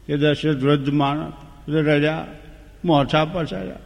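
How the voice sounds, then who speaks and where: A man's voice: on the high side, flat delivery, moderate pace, gravelly. A man retelling an old epic as a folk storyteller, homely and humorous, breaking into sung verses. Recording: long hall reverb.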